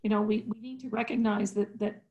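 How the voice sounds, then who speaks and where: A woman in her sixties, speaking on a panel over a video call from a home office, measured and earnest with many fillers. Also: mid-range voice, fairly even intonation, phone-quality sound, slight background noise. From Canada.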